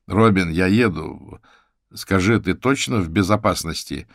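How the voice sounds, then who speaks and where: A man's voice: low voice, measured pace, vocal fry, no room sound, clean studio sound, exaggerated voice. A man voicing an urgent adult police officer speaking in clipped phrases.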